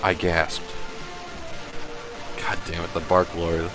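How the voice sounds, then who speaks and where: Slow, low-voiced deadpan male reader. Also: music in the background. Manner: slow, halting, deadpan reading broken by laughter. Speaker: stream host reading a fan fiction aloud. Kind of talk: comedic dramatic reading.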